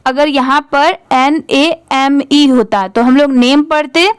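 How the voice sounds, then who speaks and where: Studio-quality and echo-free, this recording features a woman with a high, steady, slow voice teaching English reading. Each word gets spelled out letter by letter before she asks the class to read it and answers on her own, blending the sounds.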